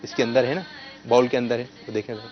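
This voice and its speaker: A man's voice: mid-range voice, level tone, soft background music. A man hosting a children's quiz show, coaxing the kids and correcting their pronunciation. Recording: muffled lo-fi broadcast sound.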